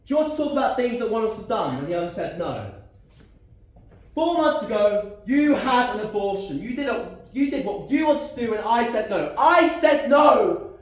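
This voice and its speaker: A young man plays a bitter husband who shouts and sneers in a high, swinging voice. It is picked up from far off on a very echoey stage. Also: big pitch swings, a little fast. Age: young adult. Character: bitter furious male husband, Ed. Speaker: student actor. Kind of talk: live stage acting. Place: theatre stage.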